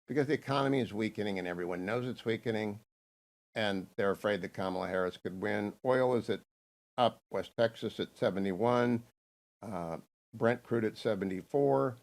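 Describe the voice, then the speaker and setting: Hoarse sixties man hosting talk radio. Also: fairly low pitch. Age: 60s. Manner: brisk, opinionated, reads ad copy. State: hoarse with laryngitis. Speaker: radio talk show host.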